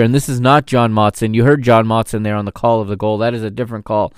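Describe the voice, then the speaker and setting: A man's voice: mid-range voice, a little mellow, clean tone, no room sound, studio quality. A man in his thirties hosting a podcast, reflecting on an old football match in a rambling, casual way. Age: 30s. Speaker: podcast host. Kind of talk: casual retrospective football commentary.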